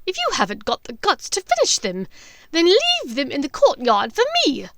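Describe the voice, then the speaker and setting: A high, forceful villainess for an audiobook, acted out by a woman narrator. She is a fanatical dark witch who snaps out imperious orders. Her pitch leaps about, menacing and unhinged. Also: huge pitch swings, normal speed, no room sound, studio quality, exaggerated voice. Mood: imperious, urgent. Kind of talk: audiobook character acting.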